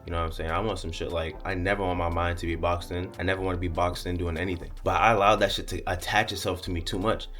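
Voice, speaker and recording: A man's voice: low-pitched, level tone, fast, hardly any pauses, a bit bright, soft background music. A young man vlogging in a candid, profane ramble to camera, often smiling and half-laughing as he talks. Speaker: content creator. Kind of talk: casual candid monologue to camera.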